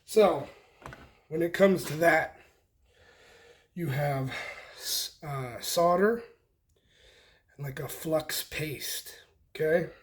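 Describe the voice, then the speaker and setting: A man with a voice on the high side hosts a DIY homestead channel, demonstrating wiring in a casual, hands-on tutorial. He talks extremely slowly, pausing often, explaining informally step by step in short bits as he works.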